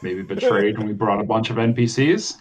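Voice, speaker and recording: A man's voice: on the low side, lively intonation, fairly quick. A man chatting casually and jokingly as a player in a tabletop role-playing game.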